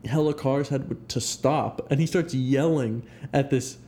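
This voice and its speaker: A young man co-hosting a casual podcast, telling animated stories and acting out quotes with loud laughter. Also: medium pitch, unhurried. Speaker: podcast co-host. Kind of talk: casual chat.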